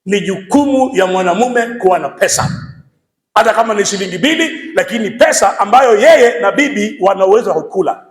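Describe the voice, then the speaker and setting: A man with a Kenyan accent preaching a lively sermon, switching between English and Swahili and shouting some points for emphasis. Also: high-pitched, brisk, roomy sound, rough recording. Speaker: pastor.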